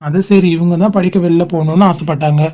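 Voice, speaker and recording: A woman speaking in a brisk, matter-of-fact way in an amateur audio drama. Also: lowish voice, steady tone, warm tone. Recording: dull lo-fi recording.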